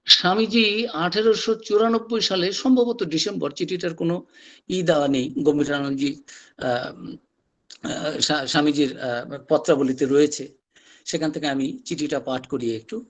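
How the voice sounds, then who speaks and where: Animated high-voiced man giving a sermon. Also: normal speed. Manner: animated storytelling, voicing quoted figures. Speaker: monk giving a religious talk. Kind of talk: devotional discourse with read-out letters. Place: online satsang session.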